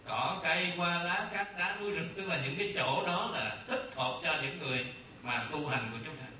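A man, a Buddhist monk, giving a slow dharma talk, repeating phrases and posing rhetorical questions to his listeners. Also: on the high side, expressive, sharp tone, slight background noise. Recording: very echoey distant room sound, faint ambience.

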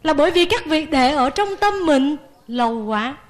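A woman, a Buddhist nun, giving a lively sermon and asking the audience questions. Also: high-pitched, normal speed.

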